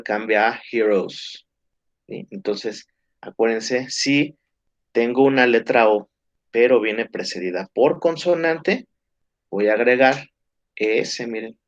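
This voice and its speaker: A man talks through a grammar lesson at a slow, careful pace. He explains patiently and keeps checking that his students follow. The recording is muffled and lo-fi. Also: medium pitch. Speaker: English teacher. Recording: dull, muffled lo-fi sound.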